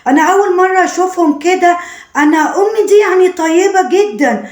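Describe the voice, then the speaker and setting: A woman with an Egyptian accent voicing a soft-spoken, apologetic young husband. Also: extremely high pitch, fairly quick, pitched above the performer's own voice. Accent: Egyptian Arabic. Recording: roomy echo.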